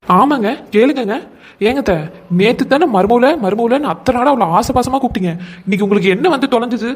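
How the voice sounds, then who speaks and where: A woman's voice: fairly high pitch, fast talker, husky. Woman playing a wronged young cartoon daughter-in-law. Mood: aggrieved. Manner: complaining, plaintive. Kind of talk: comic cartoon voice acting.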